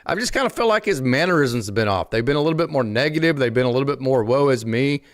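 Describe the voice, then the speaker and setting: A man's voice: medium pitch, animated, quick pace. A man hosting a casual sports talk show, asking his co-host questions and adding short agreements.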